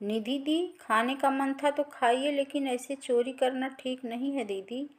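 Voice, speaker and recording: A woman's voice: high-pitched, fairly even intonation, unhurried, pitched above the performer's own voice. A woman reading as a sly young sister-in-law.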